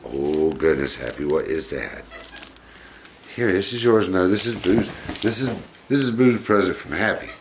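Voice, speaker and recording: A man's voice: low voice, animated, normal speed, a little hiss or hum. A man hosting a casual home video, coaxing and doting on his pet monkeys.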